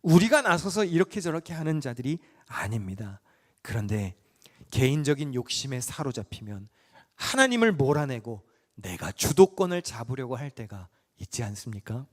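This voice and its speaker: A male pastor preaching a sermon in a church sanctuary. He stresses some phrases loudly and drops others to a hush. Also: medium pitch, big pitch swings, moderate pace. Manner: emphatic, swinging between loud stresses and hushed asides. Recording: long church reverb with soft music behind.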